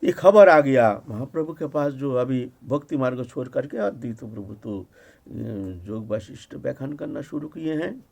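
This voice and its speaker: A man, a spiritual teacher, giving a devotional discourse at an ashram, telling a story in an animated way and often asking the listeners short rhetorical questions. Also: mid-range voice, moderate pace, vocal fry. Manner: animated storytelling, acts out quoted speech, frequent rhetorical "हैं?".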